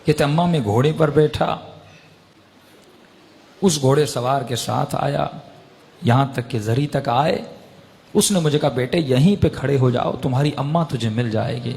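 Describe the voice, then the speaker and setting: A man's voice: mid-range voice, gravelly, long pauses, darkish tone. A man preaching in an emotional storytelling sermon, impassioned and rising to raised pleading peaks. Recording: long hall reverb.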